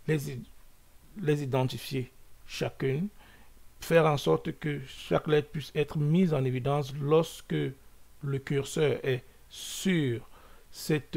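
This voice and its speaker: A man walks through a coding lesson at an unhurried, halting pace, often pausing on fillers and starting sentences over. His voice sits a little high for a man and has a gravelly edge. He thinks aloud as he works through each step. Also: a little mellow. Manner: slow, hesitant, many fillers and restarts; thinks aloud while working. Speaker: coding tutorial host. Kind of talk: screen-recorded coding lesson.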